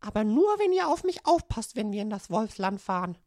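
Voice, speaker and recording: A woman playing a frightened, excitable fairy-tale girl in a children's audio play, pleading and exclaiming breathlessly. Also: mid-range voice, a little fast, dry recording, studio quality. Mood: hesitant.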